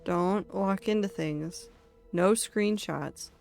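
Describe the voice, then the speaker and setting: A woman's voice: medium pitch, slow, gravelly, a little mellow, faint music behind. A woman streaming a video game, chatting casually and reacting aloud to what she sees. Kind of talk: casual gameplay commentary.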